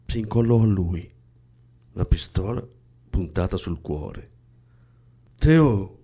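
Slow, mellow male narrator. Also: sits low, husky. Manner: slow, hushed, measured reading. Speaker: audiobook reader. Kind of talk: scripted literary narration.

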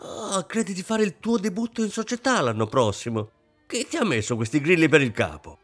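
A man voicing a domineering, scornful middle-aged mother in an audiobook reading, shouting in anger. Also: medium pitch, very animated, moderate pace, faint music behind. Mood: furious.

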